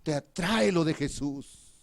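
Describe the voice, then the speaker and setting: A man from Mexico preaching a sermon with a personal testimony at a church retreat. He is fervent and swings between loud emphasis and quiet, confiding asides. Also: a little high, takes it slowly, gravelly.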